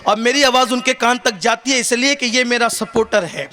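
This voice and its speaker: High, bright impassioned male preacher. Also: fairly even intonation. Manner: impassioned, rising to shouted climaxes; jokes with the crowd. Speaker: religious orator. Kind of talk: sermon at a religious gathering. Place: outdoor religious gathering with listeners.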